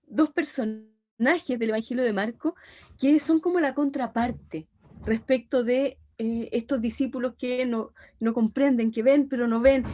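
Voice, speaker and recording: A woman's voice: on the high side, warm tone, lo-fi sound. A woman teaching a pastoral Bible course, retelling gospel scenes with dramatic storytelling.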